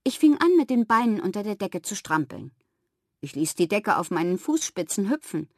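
A woman narrating a children's story in the first person, expressive and animated. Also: medium pitch, normal speed, no room sound, studio quality. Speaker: audiobook reader.

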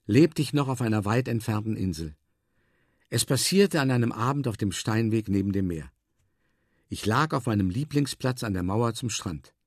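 A man narrating a storybook in the first person as a dog, calm and measured, stretching words for emphasis. His voice sits at an ordinary middle pitch. The sound is dry and close, with no room echo. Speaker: audiobook narrator.

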